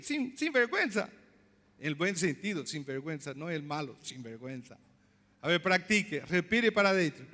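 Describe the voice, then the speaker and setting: A male pastor preaching a sermon, explaining slowly, repeating words and asking the congregation questions. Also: high voice, fairly bright tone, big-room sound. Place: church.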